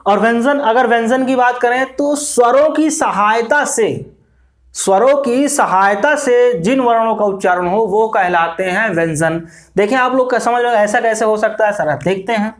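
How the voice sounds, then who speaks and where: A man from India with an Indian accent teaching a grammar lesson, repeating phrases slowly as he writes and asking and answering his own questions. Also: sits high. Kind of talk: classroom grammar lesson at a board.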